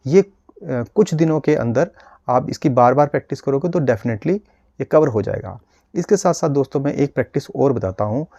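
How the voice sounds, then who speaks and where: Patient male speech teacher, warm low-key tone, demonstrates sounds slowly. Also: no echo, muffled recording. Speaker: speech therapist. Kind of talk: instructional video lesson.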